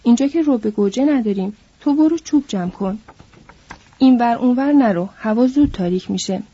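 Brief: woman voicing an impatient scolding worker man, very dark husky tone, dull lo-fi sound. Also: fairly high pitch, lively intonation. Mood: calmer. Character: small sharp-tempered itinerant worker man, protective. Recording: dull lo-fi recording.

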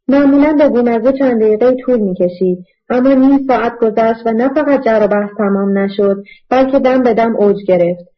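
Woman, audiobook narrator, measured reading, fairly high voice, dull lo-fi sound. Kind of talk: scripted narration.

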